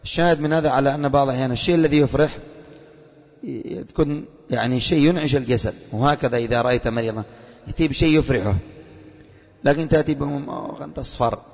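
A man teaching at a fast clip. He fires quick questions at his students and calls them by name. The sound is muffled, with a long hall echo. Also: medium pitch, creaky. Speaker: teacher of a religious lesson.

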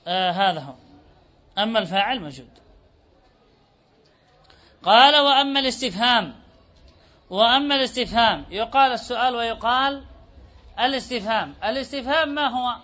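A man's voice: extremely high pitch, lively intonation, a little fast, long pauses, pushed and bright. A man teaching a grammar lesson, quizzing students and repeating their answers back to them. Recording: dull lo-fi recording.

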